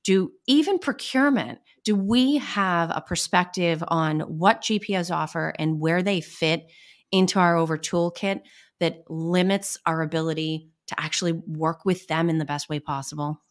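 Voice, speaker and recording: A woman with a Boston accent hosting a podcast, chatting in quick, lively bursts with her guests. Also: on the low side. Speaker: podcast host. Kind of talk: casual interview chat.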